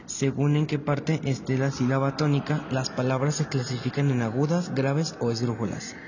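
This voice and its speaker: A man's voice: mid-range voice, normal speed. Man narrating a lesson, lo-fi and noisy. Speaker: teacher. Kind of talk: scripted educational narration. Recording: dull lo-fi audio with steady noise.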